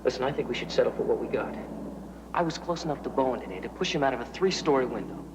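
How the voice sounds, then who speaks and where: A man's voice: mid-range voice, lively intonation, fast talker, background noise, natural voice. An actor playing a cocky young male undercover cop in a 1980s TV drama, talking with an easy, wisecracking manner. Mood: insistent. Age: young adult. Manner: wisecracking, easygoing. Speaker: undercover cop posing as a college student.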